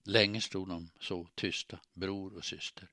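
A man reading a novel aloud as narrator, in measured, even storytelling. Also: sits low, no echo, clean studio sound. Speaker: audiobook narrator. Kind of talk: scripted narration.

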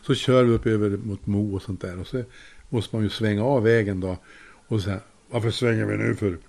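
Older man with a low voice for a casual anecdote, chuckling and acting out quoted voices. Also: steady tone, darkish tone. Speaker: storyteller.

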